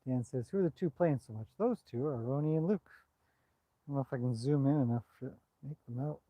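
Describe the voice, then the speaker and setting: A man livestreams casually from beside a horse paddock on a bright day, using a cell phone to talk loosely about his horses and reply to viewer comments. He speaks fairly quickly in a mid-range voice, and the lo-fi audio has no room sound.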